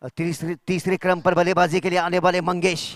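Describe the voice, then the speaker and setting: A man's voice: high-pitched, little pitch movement, a little fast, no echo, studio quality. A man giving live commentary on a cricket match between plays.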